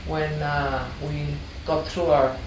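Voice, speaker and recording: An older Ecuadorian woman, a longtime art history teacher, tells her story in an earnest, reflective interview, often restarting her sentences. Her voice is low-pitched with little pitch movement, and she speaks slowly. She sits far from the mic in an echoey room with background noise.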